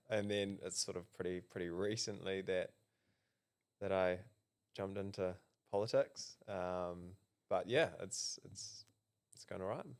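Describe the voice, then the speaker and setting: Halting, deep-voiced New Zealand man. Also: smooth. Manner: hesitant, many ums and restarts. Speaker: political candidate, guest. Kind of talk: casual interview.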